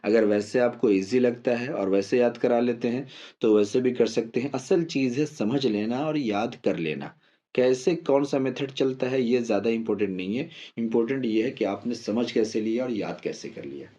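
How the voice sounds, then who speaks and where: A man teaching Quran reading, who explains each rule calmly and spells the syllables out slowly, repeating them and drawing the vowels long. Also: mid-range voice, muffled recording. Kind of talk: step-by-step spelling lesson.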